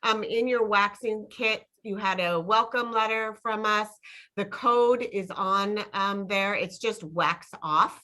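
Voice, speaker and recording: Brief: friendly woman host, bright clear tone, loose chatty intro on a video call. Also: mid-range voice, takes it slowly. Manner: friendly, rambling, filler-heavy. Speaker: host and distributor. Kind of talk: webinar introduction.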